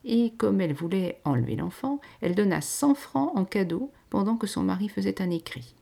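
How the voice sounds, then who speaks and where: Woman narrator, husky, lively intonation, literary reading. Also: medium pitch, moderate pace. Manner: expressive, varied storytelling.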